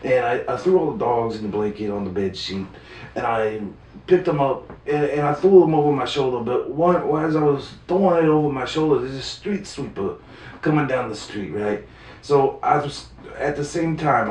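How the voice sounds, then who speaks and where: A man telling a story in a casual, rambling, profane way, full of halting restarts. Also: mid-range voice, darkish tone, distant mic. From New York City. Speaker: storyteller guest. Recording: roomy sound, voice away from the mic.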